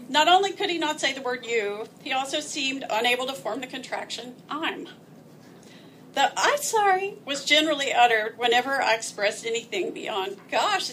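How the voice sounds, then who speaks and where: A woman's voice: high-pitched, a bit bright, a little hiss or hum. A woman telling a personal story aloud in a wry, self-mocking way, often laughing as she speaks.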